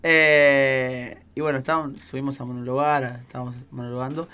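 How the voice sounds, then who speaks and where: A man's voice: mid-range voice, flat delivery, fairly quick, sharp tone, clear, resonant tone. An Argentine man telling a stage anecdote in a casual radio chat, laughing as he goes. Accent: Argentine Spanish. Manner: storytelling with bursts of laughter.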